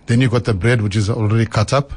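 A man's voice: fairly low pitch, fairly even intonation, fast talker, darkish tone. Guy, restaurant owner chatting on radio, explains stuff plainly. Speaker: restaurant co-owner, interview guest. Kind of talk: informal radio interview.

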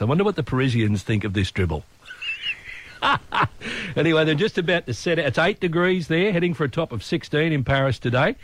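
A man's voice: mid-range voice, no echo. An older Australian man hosting local radio with casual, matey, self-deprecating breakfast chat. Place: radio studio.

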